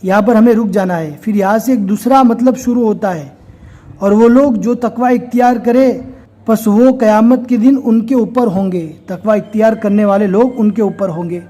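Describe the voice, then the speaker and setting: High mellow guy teaching quran reading, patient step by step explaining. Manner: explains slowly and step by step, then recites in a slow chanting voice. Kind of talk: recorded recitation lesson.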